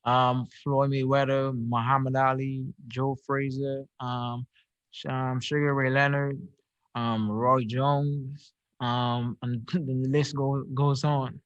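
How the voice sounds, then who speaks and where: Halting Barbadian man on a video call. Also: medium pitch, level tone, clear, resonant tone, dry recording. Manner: halting, repeats words as he searches for them. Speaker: professional boxer. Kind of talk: press call interview answers. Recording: dry, slightly dull video-call audio.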